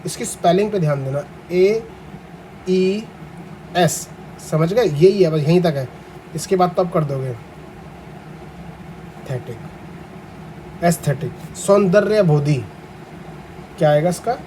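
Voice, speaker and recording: A young man teaching exam vocabulary. He reads English definitions slowly, spells words letter by letter and then explains them in a conversational way, often asking the students questions. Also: high voice, warm tone, slight background noise, low-quality recording. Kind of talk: vocabulary lesson for exam aspirants.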